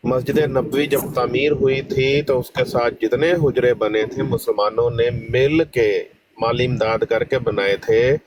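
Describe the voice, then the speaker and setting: A man's voice: mid-range voice, slight background noise, low-quality recording. Polite, argumentative man in a debate. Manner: polite but argumentative, uses religious honorifics. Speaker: debate participant. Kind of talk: religious debate.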